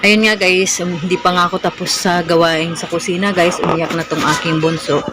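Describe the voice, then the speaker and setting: A woman's voice: on the low side, little pitch movement, a little fast. Chatty young mom vlogging from her kitchen. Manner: chatty, keeps saying "guys". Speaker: vlogger and mother. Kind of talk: casual home vlog narration. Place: home kitchen. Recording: noisy home recording.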